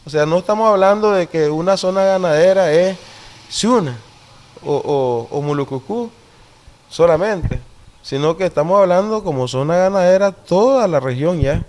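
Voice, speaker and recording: A man with a fairly high voice and a Nicaraguan Caribbean coast Spanish accent. He explains deliberately, as an interview guest does, often stopping on small tag questions to seek agreement. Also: lively intonation, darkish tone.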